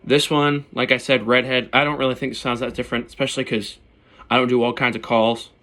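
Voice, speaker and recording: Bright-voiced man in casual gear demo. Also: medium pitch, little pitch movement, a little fast. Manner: informal, blunt, mildly sweary slang. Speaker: turkey hunter presenting his calls. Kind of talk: casual hands-on gear demonstration.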